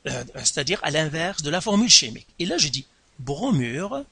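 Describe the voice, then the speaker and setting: A man teaching a class in a lively, bright voice that is a touch husky. He talks slowly and deliberately, stressing every term and repeating key words, with big leaps in pitch. The sound is dry and close. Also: dry recording. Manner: slow, deliberate, repeats terms and stresses syllables, pitch jumps. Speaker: science teacher. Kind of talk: classroom lesson explaining at a board.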